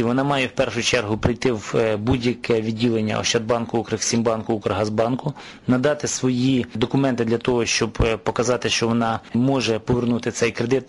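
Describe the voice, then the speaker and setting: Man explaining a state loan program. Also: medium pitch. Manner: measured, explanatory, with occasional fillers. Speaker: government official.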